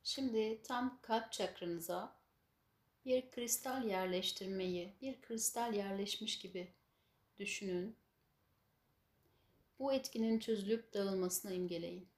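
A woman's voice: medium pitch, slow, long pauses, a little mellow. Echoey woman leading guided meditation. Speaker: spiritual healing session leader. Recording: echoey room, faint background noise.

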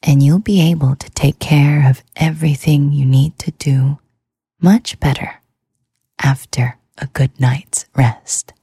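Slow, soft-whispering woman, breathy and dark. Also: low-pitched, fairly even intonation, no room sound. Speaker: sleep podcast host. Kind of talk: whispered ASMR sleep talk.

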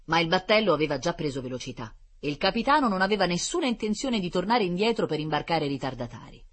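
A storyteller reading a children's fable aloud in an expressive, lively manner. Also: mid-range voice, fast.

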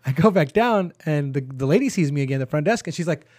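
Fast-talking young man, slangy storyteller. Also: fairly high pitch, no echo, clean studio sound. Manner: animated, swearing, acts out quotes. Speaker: podcast co-host. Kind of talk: casual storytelling chat.

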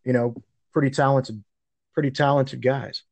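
A man's voice: mid-range voice, fairly even intonation, moderate pace, gravelly, darkish tone. A man co-hosting a podcast, chatting casually and conversationally about fights. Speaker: podcast co-host. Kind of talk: casual sports chat.

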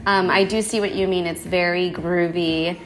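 A woman's voice: lowish voice, fairly even intonation, moderate pace. A woman co-hosting a casual music chat, giving brief, upbeat replies and asking about the songs. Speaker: co-host.

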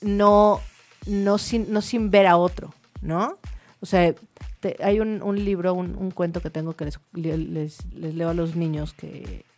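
A woman's voice: on the low side, steady tone, takes it slowly, darkish tone, soft background music. A woman, a child therapist, explaining things in a chatty, storytelling way. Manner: chatty, many fillers, storytelling. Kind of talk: explanatory conversational talk.

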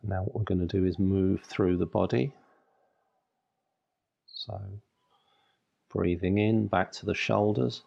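A man leading a guided meditation, giving soothing, unhurried instructions in short phrases with long pauses, on a slightly dull recording. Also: sits low, steady tone, gravelly, darkish tone.

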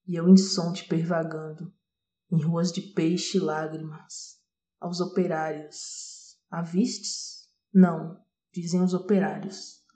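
Female poetry reader, dramatic and deliberate recitation, recorded in an echoey room. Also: sits low. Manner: expressive, lingering on single words with shifting loudness. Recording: roomy echo.

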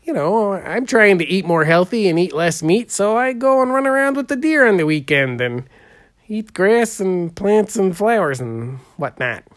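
A good-natured, heavyset painter, played by a man, who drawls and fills every pause with "uh". His voice swings widely up and down as he rambles on. The sound is dry and close. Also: sits high, sing-song, dry recording. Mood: goofy. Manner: drawling, rambling, full of "uh" and "there". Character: folksy heavyset male portrait painter, goofy. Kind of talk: improvised comedy interview.

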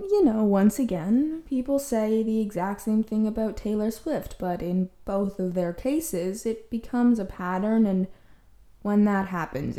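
A woman with a soft-edged, mellow voice hosts a chatty storytelling podcast. She is wry and playful, teasing her material with sarcastic asides. The sound is clearly echoey, as if recorded in an empty apartment room. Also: mid-range voice. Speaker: podcast host. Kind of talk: casual, chatty comedic storytelling. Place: indoors, empty room in a new home.

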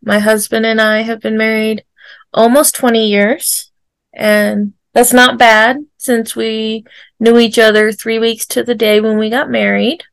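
A woman in her forties tells her own story as a podcast guest. Her voice sits a little high with a gravelly edge. She quotes people animatedly and laughs easily, and the sound is close and dry. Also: flat delivery, a little slow, dry recording. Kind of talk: casual storytelling.

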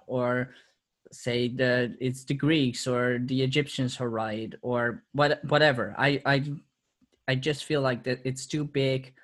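A man's voice: mid-range voice, a bit bright. A man talking as a podcast guest in casual interview chat, reflective, laughing often and repeating words as he restarts.

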